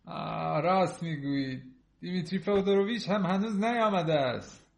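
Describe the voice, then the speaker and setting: A man's voice: high voice, vocal fry. A man voicing a fawning, buffoonish older man who talks effusively and half-mockingly, recorded in an echoey room. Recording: roomy echo.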